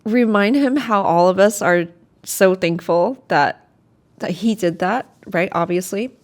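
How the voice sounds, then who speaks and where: A woman co-host in a casual chat, supportive and quick with short reactions. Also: medium pitch.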